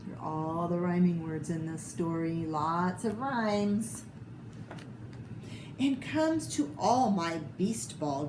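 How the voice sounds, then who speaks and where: Reading aloud to kids, this American storyteller takes an unhurried, expressive pace through a picture book, adding asides that point out illustrations. Her slightly low voice rings in an echoey space with noticeable background noise.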